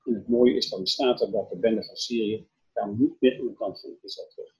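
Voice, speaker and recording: A man preaching, retelling a Bible story with animated storytelling and acted-out dialogue. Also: fairly low pitch, a little fast, creaky, husky, poor audio. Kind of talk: Bible teaching, retelling scripture.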